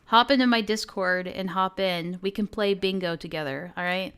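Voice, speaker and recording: A woman's voice: mid-range voice, normal speed, fairly bright tone, clean tone. A woman with a youthful, girlish voice hosting a casual livestream, chatting and swearing freely with friends. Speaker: livestream host.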